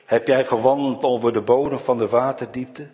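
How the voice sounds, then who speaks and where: A preacher voicing God as a mighty male figure who fires booming, challenging questions. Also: fairly even intonation, normal speed, mellow, long reverb tail, close to an everyday voice.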